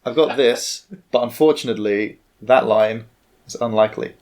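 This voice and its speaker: A man's voice: medium pitch, moderate pace, a little mellow. A man grumbling good-naturedly through a casual tabletop game. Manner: grumbling, self-deprecating. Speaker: board game player. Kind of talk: casual tabletop play chat.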